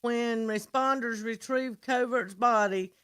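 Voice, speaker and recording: A woman co-hosting a morning radio show, reading out a news report at a steady pace and adding dry remarks. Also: fairly high pitch, slow, clean tone.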